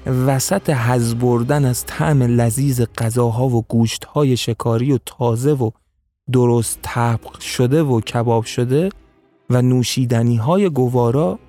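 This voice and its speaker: A man narrating a dramatic story in a measured way, with pauses for effect. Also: mid-range voice, dark tone, faint music behind.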